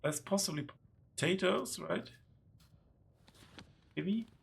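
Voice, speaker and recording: A man casually commenting while playing a game, thinking aloud in short, halting remarks. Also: sits high, gravelly, slightly rough. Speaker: gamer playing through a game. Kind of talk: casual let's-play commentary.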